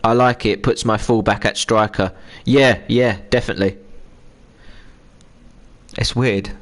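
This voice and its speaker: A man's voice: fairly low pitch, steady tone, measured pace. A man chatting loosely through live gameplay as a streamer, rambling and breaking off mid-sentence. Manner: rambling, chatty, self-interrupting. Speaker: gaming streamer.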